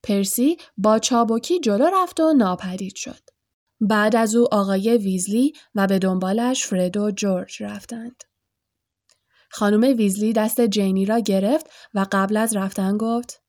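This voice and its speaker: A woman narrating a novel as an audiobook, in steady storytelling delivery. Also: mid-range voice, dry recording, clean studio sound. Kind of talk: scripted narration.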